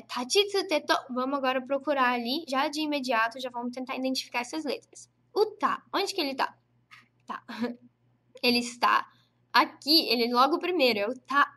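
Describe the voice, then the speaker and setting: Brazilian woman, high voice, patient chatty language teacher, drills syllables slowly. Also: fairly bright tone. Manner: patient, spells out syllables slowly and repeats them; frequent tag questions, chatty teaching tone. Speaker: Japanese teacher. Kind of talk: online language lesson.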